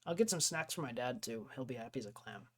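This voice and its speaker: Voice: mid-range voice, lively intonation, fast. A young streamer in casual chat with live viewers, rambling, laughing often and jumping from topic to topic.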